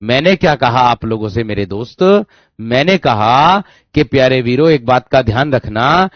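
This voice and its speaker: This male teacher, speaking at medium pitch, runs an online Hindi grammar lesson where he repeats key phrases, slows to dictate, and keeps asking if students follow. The audio is dry, dull and lo-fi.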